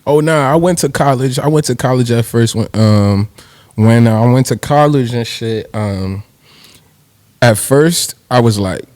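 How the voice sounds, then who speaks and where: A young rapper from New Jersey, USA, chats casually as an interview guest in a medium-pitched, slightly slow voice with a darkish tone. He's laid-back and slangy, swearing freely and laughing, and the recording is dry.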